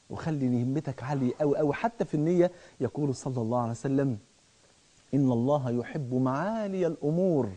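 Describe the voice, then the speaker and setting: A man's voice: on the high side, dark tone. A middle-aged man with an Egyptian Arabic accent, preaching a religious lecture in an emphatic way and repeating words for stress.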